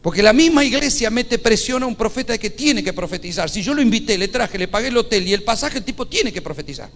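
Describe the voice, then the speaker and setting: Male pastor, high voice, emphatic repetitive preaching, church hall reverb. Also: lively intonation, fast talker, a bit bright. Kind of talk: sermon.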